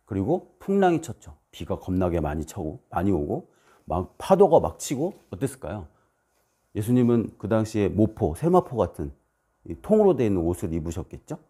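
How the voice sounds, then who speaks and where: A man preaching a sermon as a missionary, telling stories and acting out the voices and shouts in them. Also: fairly low pitch, big pitch swings, moderate pace, husky. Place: church.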